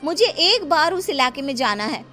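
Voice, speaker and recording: A woman's voice: high voice, sing-song, moderate pace, sharp tone, soft background music, voice pushed up, heavily acted. A woman voicing a curious, headstrong young girl who whines and pleads. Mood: petulant. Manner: pleading, petulant.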